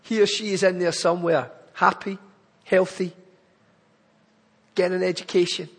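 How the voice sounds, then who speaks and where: Speaking at a normal speed in a level, fairly bright high voice, a Glasgow man addresses the congregation directly with an earnest charity appeal. His Glaswegian Scottish accent carries through the big-room sound of the church hall.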